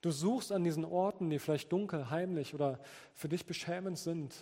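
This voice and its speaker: A man's voice: on the high side, brisk, dark tone. A man preaching an earnest sermon, reading scripture passages aloud. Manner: earnest, with quoted scripture read out. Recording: long reverb of a large hall.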